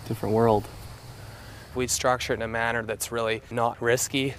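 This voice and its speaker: A man's voice: mid-range voice, level tone, normal speed. A man in casual conversation, speaking as an investor on a site visit. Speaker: investor asking questions. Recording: loud vehicle noise on location.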